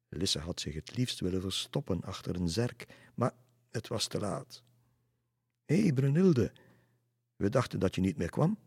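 A man reading a storybook aloud in a calm, even manner. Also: low voice, gravelly, breathy edge. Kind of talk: storybook narration.

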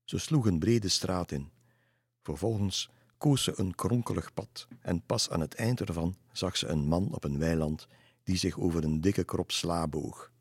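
A man reading a children's story aloud in a calm, even way. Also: deep voice, measured pace, slightly rough, no echo. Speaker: narrator.

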